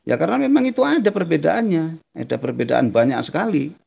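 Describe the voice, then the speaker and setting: Male religious teacher on a video call, gravelly, folksy, easygoing Q&A delivery. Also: a little high, expressive, fast talker, dull audio. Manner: folksy, explains with everyday examples. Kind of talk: online Q&A sermon.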